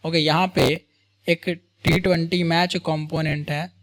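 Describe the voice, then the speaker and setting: A man's voice: on the high side, flat delivery, unhurried. A man teaching a programming lesson in a casual, conversational way, often checking in with his viewers with "right?" and "boss?". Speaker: programming tutor. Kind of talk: screen-recorded coding lecture.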